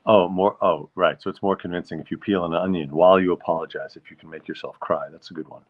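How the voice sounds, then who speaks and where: A man's voice: sits low, fairly even intonation, fast talker. A man hosting a casual stream, reading viewer comments aloud and musing over them in a wry, easygoing way. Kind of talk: casual chat. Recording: dull lo-fi sound.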